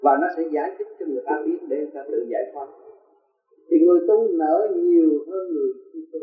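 A man's voice: a little high, quick pace. A man giving a religious sermon, telling a parable and asking his listeners rhetorical questions, recorded in a tinny, echoey way from far off. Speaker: preacher. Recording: tinny, echoey, distant from the mic.

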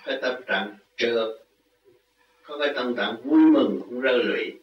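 A man answering questions as a meditation teacher, speaking in gentle short phrases and laughing often. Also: mid-range voice, normal speed, dull audio, slight background noise. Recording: roomy, distant mic with ambience.

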